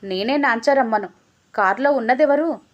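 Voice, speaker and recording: A woman's voice: on the high side, normal speed, lo-fi sound, voice pushed up, natural voice. A woman voicing a scheming widowed mother-in-law who talks in a wheedling, evasive way.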